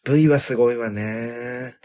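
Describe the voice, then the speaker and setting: A man's voice: mid-range voice, fairly even intonation, takes it slowly, dark tone, lightly acted. A man playing a haughty rich young lady, chatting as a comedy radio host in politely feminine Japanese rich-girl speech. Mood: refined, musing. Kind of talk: comic advice chat in character.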